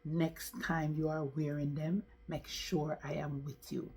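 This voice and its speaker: A woman's voice: low-pitched, flat delivery, slow, dark tone. A woman voicing a jealous, domineering man who barks curt orders in a storytime tale. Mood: cold stern.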